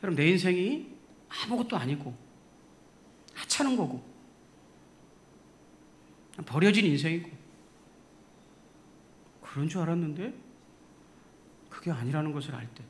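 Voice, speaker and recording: A man pastor preaching a sermon, telling a story in an animated way and laughing along. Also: on the high side, unhurried, long pauses. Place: church sanctuary.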